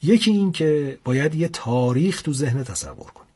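A young man narrating a comic first-person adventure in a casual, lively storytelling manner. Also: a little high, breathy edge. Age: young adult.

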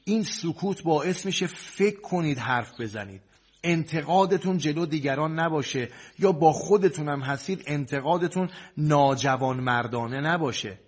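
A man with a fairly high voice plays a cleric counselor. He lectures a couple in a preachy, soothing tone and stacks his advice in repetitive lists. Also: husky. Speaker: cleric marriage counselor in a sketch. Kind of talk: comic sketch, preachy advice.

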